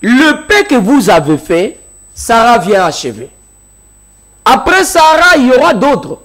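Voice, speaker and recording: A man's voice: extremely high pitch, very animated, a little slow, fairly bright tone. A man from the DR Congo with a Congolese French accent, arguing his point as a guest in a televised political debate and repeating phrases for emphasis.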